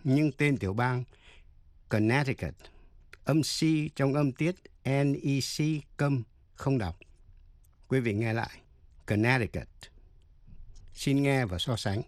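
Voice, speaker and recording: A man's voice: mid-range voice, a little slow, darkish tone, dry recording, clean studio sound. A man teaching an English lesson on the radio, explaining pronunciation carefully and spelling words out letter by letter.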